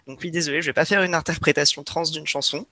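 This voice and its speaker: A man presenting a music segment on a podcast in casual chat, hesitant, with many filler pauses and restarts. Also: on the high side, steady tone, sharp tone, no room sound.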